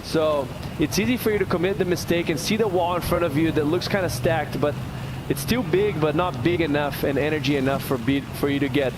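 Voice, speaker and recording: A man's voice: a little high, a little fast. A man giving conversational, explanatory live surf analysis, often rephrasing as he goes. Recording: outdoor ambience, boat engine noise behind.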